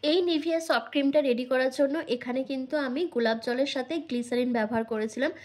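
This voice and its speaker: A hoarse woman with a Bengali accent from India, giving a skincare tutorial to her viewers as a vlogger. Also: sits high, fairly even intonation. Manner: brisk, instructive, addresses viewers directly. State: hoarse from illness. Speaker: beauty vlogger.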